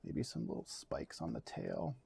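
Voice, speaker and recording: A Canadian art educator gives a casual drawing demonstration from his home studio, where an overhead camera points down at a table. He's relaxed and thinks out loud as he works, filling the pauses with fillers. His accent is Canadian English.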